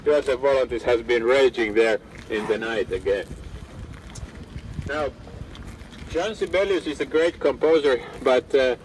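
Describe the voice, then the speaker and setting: A man working as a ghost tour guide, telling stories live to a group in a halting, conversational way. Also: medium pitch, a little mellow. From Finland. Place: outdoors on city streets. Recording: windy, noisy outdoor recording from a distance.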